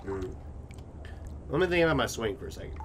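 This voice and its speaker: Streamer, male, put-on Southern drawl, rambling frustrated live commentary at home, mid-pitched, background noise. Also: very animated, brisk. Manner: rambling, thinking aloud, frustrated. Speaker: gaming streamer.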